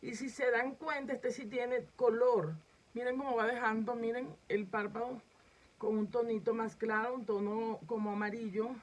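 A woman's voice: a little high, steady tone, moderate pace, muffled recording. A woman makeup vlogger demonstrating a makeup tutorial, chatting directly to her viewers as she films herself at home. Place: home setup filming herself.

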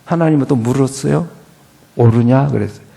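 Gravelly Korean pastor preaching with swings. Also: male voice, mid-range voice, animated, normal speed. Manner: rhetorical questions, swings from quiet to loud. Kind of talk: sermon. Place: church.

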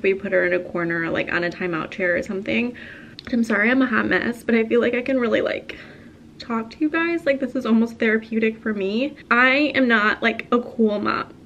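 Soft-spoken young mom chatting at home. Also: female voice, on the high side, a little hiss or hum. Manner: chatty, filler-heavy, emotional and tearful in the coffee chat. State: crying. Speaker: stay-at-home mom vlogger. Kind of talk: casual chat to camera.

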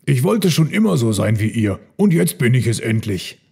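A man's voice: mid-range voice, very animated, moderate pace, creaky, darkish tone, breathy edge, heavily acted. Elmar, a playful elephant, voiced by a man. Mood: cheerful. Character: Elmar, cheerful patchwork male elephant, playful trickster. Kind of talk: storybook reading.

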